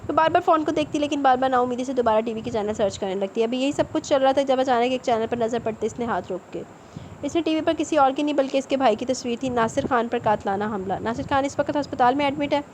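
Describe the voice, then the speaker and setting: Woman reading a romance novel out loud, high voice, light background hiss. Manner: steady narration with spoken asides. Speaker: narrator.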